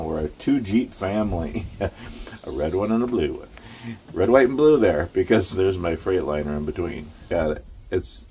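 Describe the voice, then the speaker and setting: A truck driver in his late fifties sits under a shelter outdoors in the rain, chatting into his phone camera for a casual vlog. He rambles easygoingly and chuckles often, and his low, slightly mellow voice comes through poor audio with a bit of hiss or hum.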